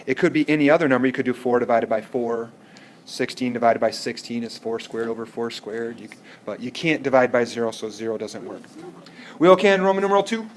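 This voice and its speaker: A math teacher speaks quickly in a mid-range voice, with slight background noise behind him. He's giving an algebra lecture in a classroom, walking through each step and often checking that students are following.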